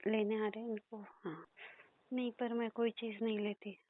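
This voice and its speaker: A woman's voice: fairly high pitch, flat delivery, moderate pace, dry recording, narrow, tinny audio. A woman giving a psychic reading, relaying messages, chatty and playful and laughing often. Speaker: psychic reader.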